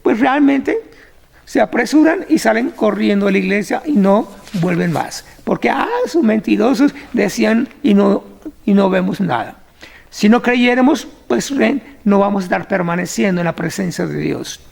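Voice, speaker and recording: Un pastor predicando un sermón con fervor, alargando las frases enfáticas y repitiendo "aleluya". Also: male voice, high-pitched, animated, creaky, darkish tone. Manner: fervent preaching, drawn-out emphatic phrases, frequent "aleluya". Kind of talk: sermon.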